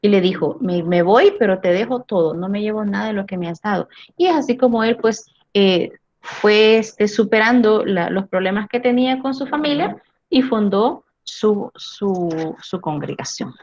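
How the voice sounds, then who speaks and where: A woman's voice: medium pitch, animated, normal speed, a little mellow. A woman teaching a philosophy class. She often checks in with tag questions and repeats words while she gathers her thoughts. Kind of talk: class lecture. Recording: dull lo-fi recording.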